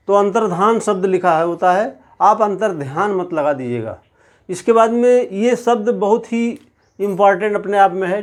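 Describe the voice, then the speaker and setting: A man teaching an exam-prep lesson, explaining steadily and speaking straight to his viewers. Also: sits high. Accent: Hindi.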